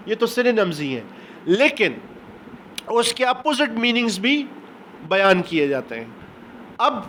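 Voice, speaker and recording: Man, lecture teacher, step-by-step explaining, high voice. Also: a bit bright, slight background noise. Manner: explains step by step, often asks "ٹھیک ہو گیا؟"; reads English passages slowly and deliberately. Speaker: English teacher. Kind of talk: recorded lecture mixing Urdu and English.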